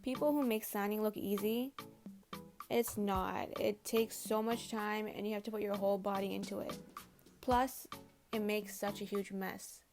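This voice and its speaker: A Tamil-first-language DIY vlogger narrates her home makeover in a scripted voice-over, steady in tone, medium in pitch and at a normal speed. She sounds casual, chatty and self-deprecating, and faint background music can be heard.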